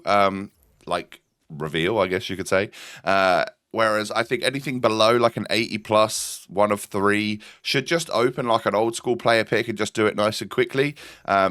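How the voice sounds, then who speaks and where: A man's voice: lowish voice, fairly bright tone, no room sound. Guy with a blocked nose hosting his gaming channel, chatty, lots of ums, dry close sound. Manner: chatty, with frequent ums and repeated words. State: stuffy nose from a coming cold. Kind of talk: casual gameplay commentary.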